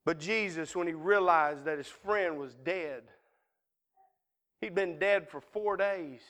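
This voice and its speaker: A man preaches in a high, ringing voice with a crisp, clear tone. He talks folksy and conversational, slipping into everyday dialogue to act out the scripture. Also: slow pace, a bit bright. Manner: folksy, conversational, acts out Bible scenes in dialogue. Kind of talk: sermon.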